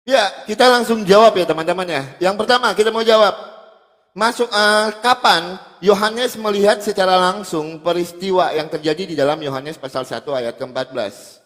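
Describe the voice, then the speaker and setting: A man answering in a debate, slightly high-voiced, pressing his points with preacherly emphasis. His voice carries a long reverb tail from an echoey room. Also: fairly bright tone. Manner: emphatic, measured, quotes scripture aloud. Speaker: debate respondent.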